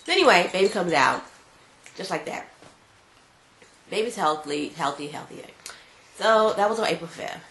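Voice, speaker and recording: A congested mother vlogs from home, casually recounting a personal story in a lowish voice at normal speed, with frequent pauses. She retells it animatedly and acts out the quoted dialogue, in an echoey room with faint background noise.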